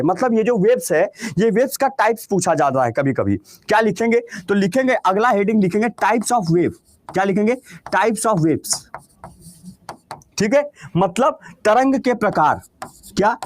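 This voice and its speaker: A man with a Bihari Hindi accent teaching a class, who keeps asking questions and answering them himself. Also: high voice. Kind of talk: classroom lecture.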